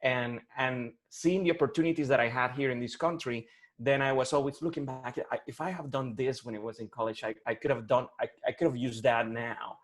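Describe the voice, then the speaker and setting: This Colombian client in his forties stumbles and restarts often during a one-on-one coaching video call, speaking with a Colombian Spanish accent. His pitch is medium and his tone steady.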